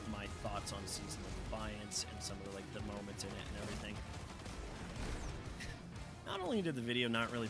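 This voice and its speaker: Male streamer, young adult, loose chatty ramble into a desk mic, game music clearly underneath. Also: fairly low pitch. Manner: rambling, with many fillers and restarts. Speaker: gaming streamer. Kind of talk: casual chat while livestreaming a game. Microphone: desk microphone.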